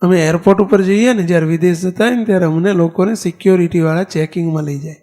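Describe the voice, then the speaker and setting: A man with a Gujarati accent giving a sermon as a monk, telling a story in an animated way and acting out the characters' lines. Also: high-pitched, fast talker.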